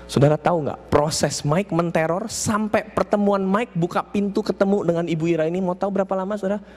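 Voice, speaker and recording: A man's voice: high-pitched, brisk, a little hiss or hum. A male preacher tells a story in a sermon to a church congregation. He keeps addressing them as brothers and sisters. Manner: animated storytelling with acted quotes. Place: church service.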